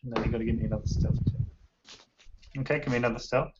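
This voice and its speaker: A man's voice: medium pitch, steady tone, rapid-fire, noisy background. A man narrating a tabletop game as game master, describing scenes in a loose, rambling way full of fillers. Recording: muffled lo-fi recording.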